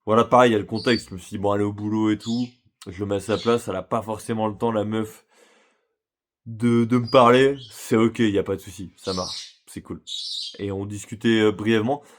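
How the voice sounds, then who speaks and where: A man's voice: on the low side, fairly even intonation, fairly quick, a little hiss or hum. A man telling a personal story in a casual, slangy way, talking straight to the listener. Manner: slangy, chatty, addresses listener directly. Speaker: vlogger.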